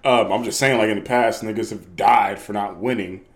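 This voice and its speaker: A man's voice: fairly low pitch, steady tone, moderate pace. Man telling a sports story, swearing. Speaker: podcast co-host. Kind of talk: casual chat.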